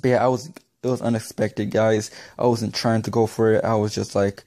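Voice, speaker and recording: Excitable young man with a mellow voice. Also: fairly low pitch, moderate pace. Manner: excitable, rambling, repeats himself. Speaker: gaming YouTuber. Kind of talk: gameplay commentary voice-over.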